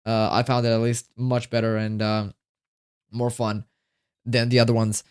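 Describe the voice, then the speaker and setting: A man's voice: mid-range voice, completely flat delivery, moderate pace, clean tone, dry recording, clean studio sound. A tired man livestreaming from home, chatting casually and rambling to his chat, often repeating himself.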